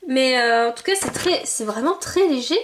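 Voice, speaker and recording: A young woman vlogger unboxes collectible figurines, opening and sniffing them while chatting casually and thinking aloud with little exclamations. Her voice sits high and is animated, at normal speed, with a little hiss or hum in the audio.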